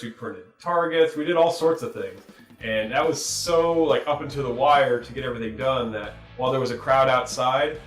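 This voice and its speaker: A man who runs an art gallery, telling stories in a relaxed, rambling way with lots of fillers. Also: mid-range voice. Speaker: gallery owner. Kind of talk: documentary interview, casual storytelling. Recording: echoey room, mic at a distance, soft music behind.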